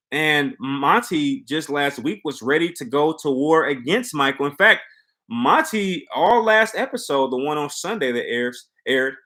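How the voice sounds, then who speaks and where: A man's voice: a little high, fairly bright tone. A man hosting a live commentary stream, talking conversationally and giving opinions with rhetorical questions and emphatic repetition. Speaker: host of a reality show commentary stream.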